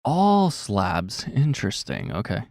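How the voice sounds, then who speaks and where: A lower-pitched man talking through his gameplay in a loose, rambling way, stopping to correct himself and filling gaps with "um". His throat sounds a bit sore. The sound is dry and close, with no room in it. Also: wildly swooping pitch, takes it slowly, creaky, a little mellow, dry recording. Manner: rambling, self-correcting, with many fillers. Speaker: gaming commentator. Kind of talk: casual gameplay commentary.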